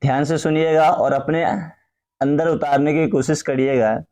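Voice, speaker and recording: Man, online class teacher, warm low-toned voice, repeats lines while explaining. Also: fairly even intonation, moderate pace. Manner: explains each line step by step, repeating phrases.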